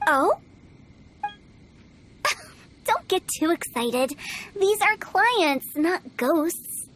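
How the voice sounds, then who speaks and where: A woman's voice: very high-pitched, very animated, drawn-out words, slight background noise, exaggerated voice. A woman voicing a quirky, cheerful young funeral director in a video game, with playfully morbid, theatrical sales patter. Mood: amused. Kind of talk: video game character dialogue.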